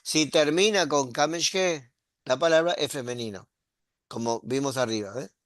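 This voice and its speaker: A man's voice: mid-range voice, normal speed, a bit bright, no room sound, clean studio sound. A middle-aged man, teaching a Hebrew grammar lesson and often checking in with his students. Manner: patient, explaining step by step with frequent "¿sí?" and "¿ves?" checks.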